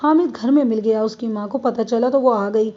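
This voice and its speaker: Woman reading a crime story aloud, steady, mellow tone, lo-fi recording. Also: fairly high pitch. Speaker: story narrator. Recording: dull lo-fi.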